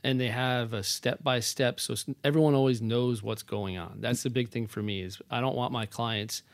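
A man guesting on a casual podcast, an animated storyteller who likes rhetorical questions. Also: medium pitch, normal speed, clear, resonant tone, dry recording. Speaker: podcast guest, real estate agent.

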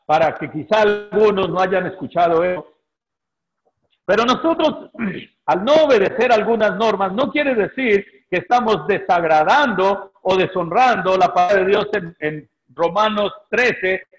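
A man preaching a sermon to his congregation and reading scripture aloud, exhorting them with drawn-out "ah" pauses. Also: sits high, poor audio. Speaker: pastor.

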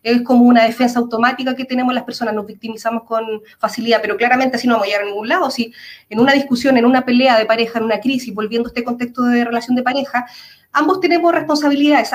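A woman with a Chilean accent, a psychologist explaining things earnestly in an interview, using everyday examples. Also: high voice. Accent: Chilean Spanish.

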